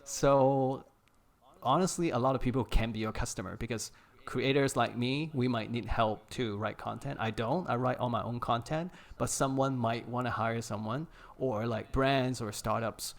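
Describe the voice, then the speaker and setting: A man as a guest on a casual live chat, giving energetic, encouraging advice and laughing often over a remote call. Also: mid-range voice, moderate pace. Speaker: guest creator coach.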